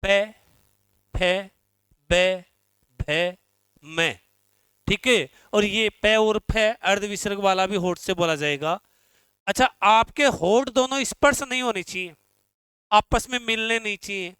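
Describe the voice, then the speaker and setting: A male Sanskrit teacher, drawing out syllables slowly as he asks his class questions and answers them himself. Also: high-pitched, bright, forceful tone, clean tone, no room sound. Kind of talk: classroom lesson on pronunciation.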